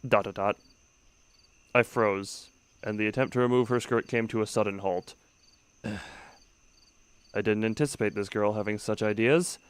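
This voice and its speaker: Close to the mic, this man reads a story game's text aloud during a let's-play stream, dropping in wry remarks and frequently cutting himself off mid-sentence to restart. His voice is fairly low, smooth and steady, at a moderate pace with frequent pauses.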